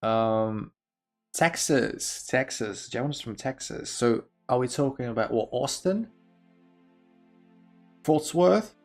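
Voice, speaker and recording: A man's voice: mid-range voice, lively intonation, slow, long pauses, darkish tone, soft background music. A young man from Belarus streaming chess from home, chatting casually and answering his viewers' messages aloud. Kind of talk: casual live-stream chat.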